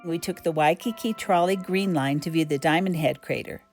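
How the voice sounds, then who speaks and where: A woman's voice: deep voice, brisk, a little mellow. Older woman narrating a travel vlog. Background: guitar music.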